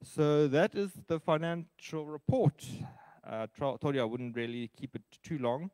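A man giving a church's financial report, halting with many ums between the items. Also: fairly high pitch, a little mellow, clear, resonant tone, dry recording, rough recording.

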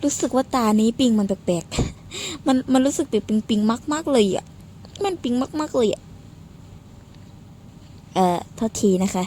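High-voiced excitable woman gaming. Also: unhurried, long pauses, slight background noise. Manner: excitable, squealing and swearing playfully. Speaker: game streamer. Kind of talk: casual gameplay commentary.

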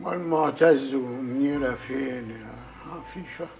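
A man's voice: medium pitch, normal speed, a little mellow, soft background music, close to an everyday voice. An actor playing a bitter older father in a hospital bed, speaking with an Egyptian Arabic accent and a grumbling, resentful manner.

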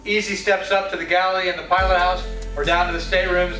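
A middle-aged man with a high voice and little pitch movement gives an enthusiastic scripted tour of a yacht at a quick pace, describing each cabin and the open deck as he walks, louder once outside. He's recorded from a distance, a bit off-mic, with roomy echo and music underneath.

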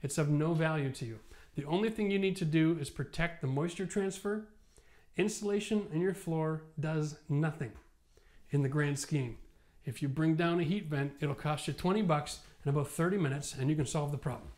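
Emphatic Canadian renovation host at a whiteboard. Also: male voice, a little high, normal speed. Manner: animated, emphatic, rising to passionate rants. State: tired. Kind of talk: casual whiteboard explainer. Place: studio set with whiteboard, indoors. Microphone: lapel mic.

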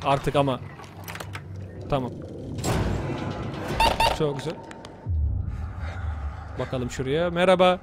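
A man's voice: fairly high pitch, takes it slowly, pauses often, over loud music. A young man commentating a horror game let's play, muttering to himself and cursing at the game. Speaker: gamer.

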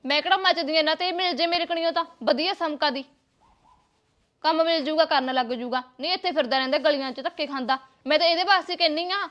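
An actress with a Punjabi accent playing a sharp-tongued elder sister-in-law who answers back in a defensive, taunting way. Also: female voice, high voice, quick pace, muffled recording, close to an everyday voice. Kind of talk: Punjabi short-film acting.

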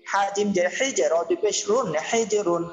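A man with a high voice leads a reading lesson. He spells out each letter and vowel sign slowly and then blends them into a word. His delivery is patient and repetitive, like a classroom drill. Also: in a large hall, lo-fi sound. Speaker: Quran recitation teacher.

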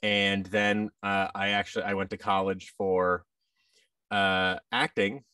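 Slow and monotone, the low voice sounds pushed, bright, and smooth, recorded dry from a distant mic. It belongs to an American man in his thirties, an actor and audio drama producer, who rambles casually and self-deprecatingly as an interview guest from a large indoor office, using a boom-arm mic and headset on a video call.

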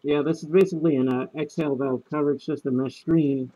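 A man's voice: fairly high pitch, steady tone, quick pace, mellow. A man talking from inside a gas mask that muffles his voice, giving a casual, matter-of-fact review of the mask. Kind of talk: casual product review video. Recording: dull, muffled sound through a mask.

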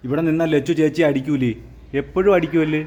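A woman's voice: low-pitched, steady tone, fast talker, mellow. A woman, a parent, chatting casually and coaxing her small children in a soothing way. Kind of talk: casual family chat. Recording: faint background noise.

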